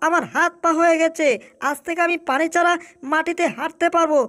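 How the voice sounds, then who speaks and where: A woman's voice: very high voice, flat delivery, brisk, fairly bright tone. A woman voicing a fierce monster fish, scolding and loyal to friends, in a Bangla cartoon dub. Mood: amazed. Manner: scolding, taunting.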